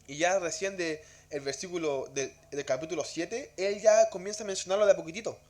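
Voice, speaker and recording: Talking fairly fast in a high voice, a man conducts a church Bible class conversationally. Along the way he asks rhetorical questions and repeats words often.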